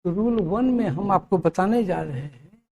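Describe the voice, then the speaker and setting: Grammar teacher with a slow, warm delivery who asks the class their own questions. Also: mid-range voice, lively intonation. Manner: asks and answers own questions, checks understanding; spells out English examples slowly. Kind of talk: explanatory lesson.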